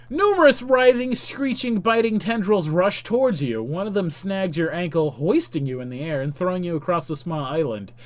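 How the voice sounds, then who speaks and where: A man hosting a game stream, reading the game's text aloud with casual, chuckling asides. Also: fairly high pitch. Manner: casual, chuckling asides between read-out lines.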